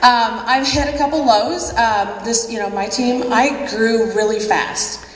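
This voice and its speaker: A woman's voice: fairly high pitch, measured pace. Chatty woman speaking in an echoey hall. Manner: chatty, laughs often, acts out quotes. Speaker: convention speaker. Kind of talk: motivational speech. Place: large convention hall. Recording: echoey hall from a distant mic.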